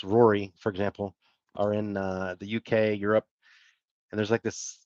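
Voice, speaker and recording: With a lowish voice, a middle-aged man hosts a casual livestream, wandering off-topic as he responds to comments, laughing, using fillers and running himself down. There's no echo, but the sound is dull.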